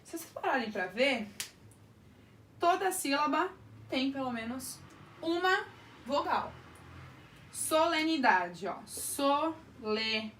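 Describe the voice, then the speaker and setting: A woman's voice: sits high, expressive, a little slow, pauses often, a bit bright, distant mic, slight background noise. A Brazilian woman teacher giving an online grammar lesson, explaining carefully and stretching words out to sound their syllables. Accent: Brazilian Portuguese. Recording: echoey room, voice off-mic.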